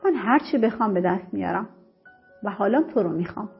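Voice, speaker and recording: A woman's voice: mid-range voice, expressive, creaky, breathy edge, full character voice. A woman voicing an arrogant, domineering wealthy young man who speaks in a cold, smug, commanding way. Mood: menacing. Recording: slightly muffled with soft music.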